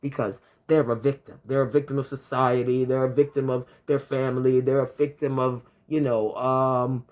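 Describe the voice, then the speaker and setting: Fifty-something vlogger, casual advice monologue, emphatic, repetitive, middle-pitched voice. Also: little pitch movement, moderate pace, few pauses, darkish tone, lo-fi sound. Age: 50s. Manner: conversational, repetitive, peppered with "you know"; emphatic, stacks lists of examples.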